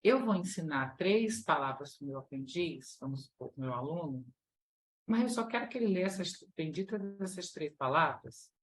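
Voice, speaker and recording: Brazilian woman, low voice, chatty lecture w/ lots of "né" and questions to the class. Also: lively intonation, normal speed, rough recording. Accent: Brazilian Portuguese. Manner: chatty, addresses audience as "gente", frequent fillers; asks the audience questions. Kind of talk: live online lecture.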